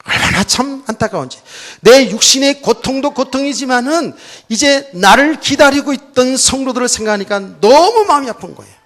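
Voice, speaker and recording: Animated middle-aged man preaching a sermon. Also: very high voice, a little fast. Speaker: pastor. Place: church sanctuary.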